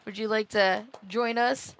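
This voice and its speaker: A chatty woman calls live paintball play-by-play in a clear, smooth voice. She laughs often, restarts her sentences and repeats words. Her voice is recorded in a small booth right beside the field. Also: medium pitch, steady tone, unhurried. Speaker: paintball commentator.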